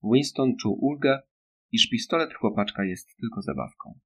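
This is scripted audiobook narration by a man whose mid-range voice keeps the reading steady and measured.

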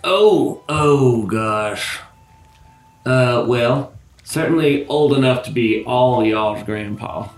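A man with a gravelly voice lays out his character in a slow, dry, deliberate way. It sounds like a tabletop game session. The room is echoey with faint music. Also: medium pitch. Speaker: player. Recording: roomy echo, faint music.

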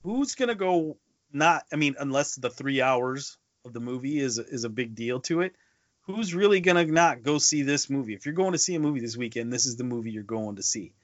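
This man's animated, mid-range voice moves briskly as he co-hosts a casual movie podcast, stressing his points and saying them again. The podcast audio is dull and lo-fi, without room sound.

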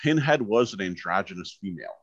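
Lively low-voiced man, muffled audio. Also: brisk, breathy edge, no echo. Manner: animated storyteller, quotes others, many fillers. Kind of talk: casual podcast chat about games and movies.

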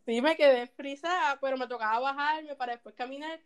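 Animated Puerto Rican woman storyteller. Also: sits high, a little fast. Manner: animated, laughing often while telling a story. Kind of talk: casual storytelling chat.

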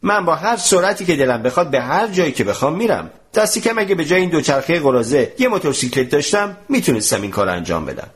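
A man reading aloud voices a brisk, impatient young male cyclist who answers matter-of-factly and with some irritation. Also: a little high, very animated. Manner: matter-of-fact, a bit irritated.

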